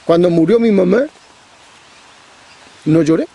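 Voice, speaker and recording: A man's voice: sits high, unhurried, gravelly, dark tone. A middle-aged man preaching a sermon, pressing his points with repetition and rhetorical questions.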